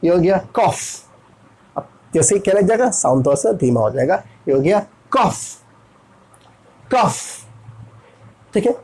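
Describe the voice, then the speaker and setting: A man's voice: high-pitched, very animated, measured pace, long pauses, darkish tone, breathy edge, rough recording. A man with an Indian accent teaching English pronunciation in Hindi, asking and answering his own questions as he spells words out letter by letter. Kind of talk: explaining lesson.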